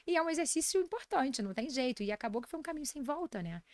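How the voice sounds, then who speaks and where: Brazilian woman, forties, podcast guest, fast animated storytelling, slightly high voice. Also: no echo. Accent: Brazilian Portuguese. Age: 40s. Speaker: guest nutritionist and lecturer. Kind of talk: casual podcast interview.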